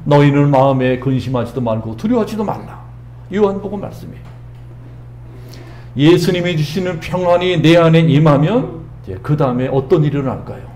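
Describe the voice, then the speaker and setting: A man's voice: fairly high pitch, darkish tone, echoey room, a little hiss or hum. A middle-aged man preaching a sermon as pastor, emphatic and repetitive, raising his voice when he quotes.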